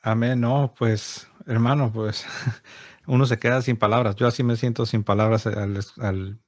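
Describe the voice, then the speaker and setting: A man in his thirties hosting an interview, hesitant and searching for words, on a studio boom mic at home. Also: flat delivery, measured pace, dry recording. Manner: hesitant, many fillers and restarts while searching for words. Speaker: interview host. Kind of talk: casual interview talk. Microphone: studio mic on boom, headphones.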